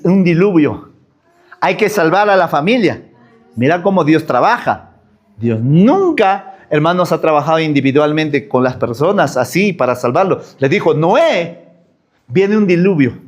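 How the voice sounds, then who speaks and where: Animated preacher man. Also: a little high. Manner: animated preaching with rhetorical questions. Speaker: pastor. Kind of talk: sermon.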